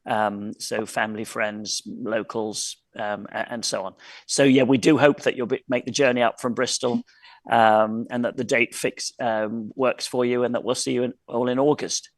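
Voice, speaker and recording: A man hosting an online quiz wrap-up over a video call, talking in halting bursts with many fillers and restarts. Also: mid-range voice, flat delivery, dry recording. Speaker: quiz host.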